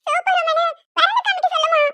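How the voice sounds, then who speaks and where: A squeaky, stubborn little cartoon girl. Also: steady tone, brisk, pushed and bright, no echo. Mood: pleading. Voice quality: squeaky and very high. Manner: whiny, insistent pleading. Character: small girl, sweet, stubborn and demanding. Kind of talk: animated cartoon voice acting.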